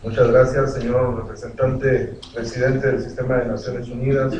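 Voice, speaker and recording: Male meeting chair, monotone, ceremonious, dull distant sound, echoey hall. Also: medium pitch, moderate pace, noisy background. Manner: ceremonious, flat delivery. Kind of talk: formal moderation.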